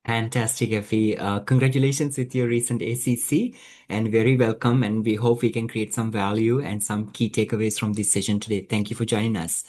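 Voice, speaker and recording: A man's voice: on the low side, fairly even intonation, fairly quick, darkish tone. A man hosting an online group session over a video call, welcoming people with many fillers and restarts. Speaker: webinar host.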